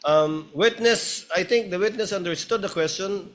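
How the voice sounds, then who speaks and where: A man with a moderately high voice presides in a courtroom. He gives formal instructions and rulings in a polite, firm way, pausing often between phrases. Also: a bit bright. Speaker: presiding officer of a trial.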